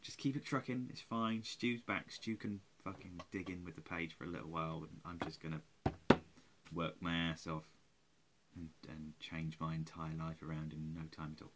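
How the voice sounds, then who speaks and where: A man around forty, low-voiced and fairly bright, speaks at normal speed with fairly even intonation while a slight hiss or hum sits in the background. Tired and rambling, he swears and jokes at his own expense in a webcam vlog recorded up close in a small room at home.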